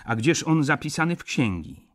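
A man reading an audiobook, voicing a stern male judge who asks brisk questions. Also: fairly high pitch, lively intonation, fairly bright tone, voice pushed up. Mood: questioning. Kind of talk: audiobook character voice.

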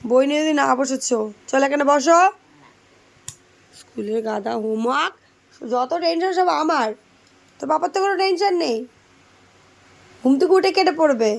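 A hoarse woman in her thirties, a mother vlogging while she scolds her child to wake up and study. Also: sits high, moderate pace, pauses often. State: hoarse from daily shouting. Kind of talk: casual family vlog.

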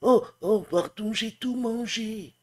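A man voicing a gentle, honey-loving cartoon bear with a slow, childlike sing-song. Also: sits high, voice pushed up. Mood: sweet.

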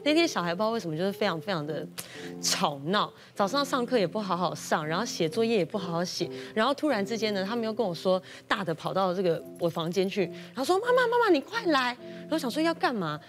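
Lively woman telling a story. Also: fast, soft background music. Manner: acts out quotes in a high voice, lively. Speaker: panel guest. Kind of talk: animated storytelling on a talk show.

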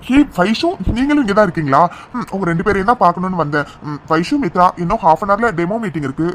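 A man's voice: sits high, animated, fairly bright tone, a little hiss or hum. A man voicing a stressed young male team lead in a cartoon serial, pressed for time before a client demo. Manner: hurried, pressured.

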